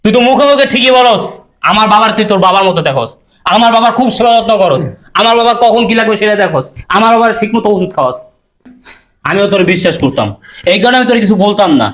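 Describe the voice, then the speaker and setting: A man's voice: high voice, expressive, fast talker, fairly bright tone. A young man, playing an enraged husband who accuses his wife. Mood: furious. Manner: agitated, accusing. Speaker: actor playing an angry husband. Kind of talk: melodramatic short-film acting.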